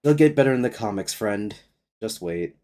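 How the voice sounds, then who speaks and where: A man's voice: on the low side, animated, moderate pace, dark tone. A young man giving casual, sweary game commentary in a sardonic, griping manner. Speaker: gaming streamer.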